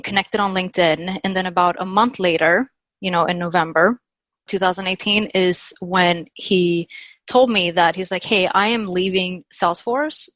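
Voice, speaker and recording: A woman in her thirties, from Sweden, telling her story as a podcast guest in a chatty, animated way. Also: lowish voice, no room sound. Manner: chatty, animated retelling with quoted dialogue and frequent "like". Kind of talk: casual storytelling interview.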